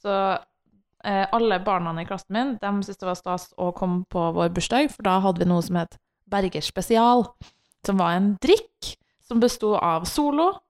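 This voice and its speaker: A woman telling a childhood anecdote in casual podcast chat, lively and laughing often. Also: mid-range voice.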